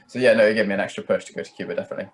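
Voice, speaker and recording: Racing through a casual chat as an interview guest, a young musician speaks on the low side with fairly even intonation. He rambles and hedges, constantly dropping in "like" and "kind of."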